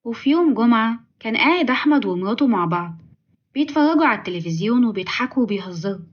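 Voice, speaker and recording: A woman with an Egyptian accent narrating a family story in a brisk, dramatic way. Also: fairly high pitch, expressive, highs cut off. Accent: Egyptian Arabic.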